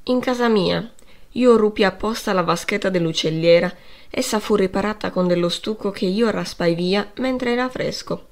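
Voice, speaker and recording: A woman's voice: mid-range voice, moderate pace, close to an everyday voice. A woman reading the part of a bold, flippant schoolboy dandy speaking firmly to his teacher. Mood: cheeky. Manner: jaunty, self-assured.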